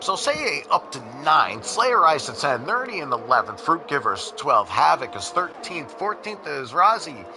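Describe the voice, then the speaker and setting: A man with a New York accent commentating a sim race casually, with lots of fillers and restarts. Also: mid-range voice. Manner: casual, rambling, many fillers. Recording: noisy with engine sounds behind. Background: racing car engines.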